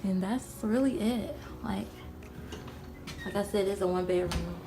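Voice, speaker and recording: A woman's voice: mid-range voice, a little slow. A woman of twenty giving a casual, rambling vlog tour, full of "like" and "you know". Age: 20s. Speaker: vlogger. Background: background music.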